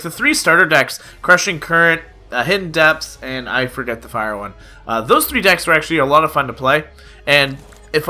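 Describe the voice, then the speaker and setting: A young gaming YouTuber gives chatty play-by-play of a card game in a sharp, high-leaning voice, slightly nasal from a cold. He drops lots of "uh" fillers as background music plays.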